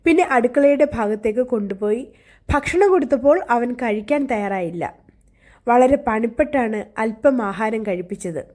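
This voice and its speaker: A woman reads a novel aloud in the first person, keeping a steady, measured pace of storytelling. Her voice sits fairly high but sounds mellow and warm, never sharp. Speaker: audiobook narrator. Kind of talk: storybook narration.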